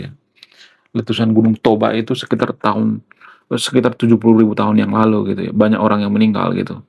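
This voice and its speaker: Gravelly, husky man explaining. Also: lowish voice, a little mellow. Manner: rhetorical questions, frequent tag fillers. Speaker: vlogger explaining culture. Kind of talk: casual explanatory monologue.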